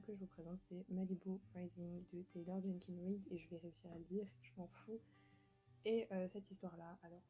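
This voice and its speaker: With a mellow, mid-range voice, a young woman who runs a book vlog talks casually about her upcoming reads, rambling and joking at her own expense with lots of fillers and restarts. The audio is poor.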